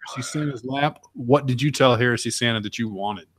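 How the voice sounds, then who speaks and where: A man's voice: medium pitch, quick pace, slight background noise. A man hosting a podcast casually, playfully prompting his co-hosts with questions. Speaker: podcast host.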